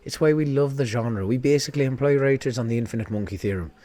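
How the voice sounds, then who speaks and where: A man's voice: medium pitch, quick pace, warm tone, voice pushed up, lightly acted. A man voicing a smug, dismissive Irish studio executive in a put-on Irish accent, condescending and calling the listener "boy".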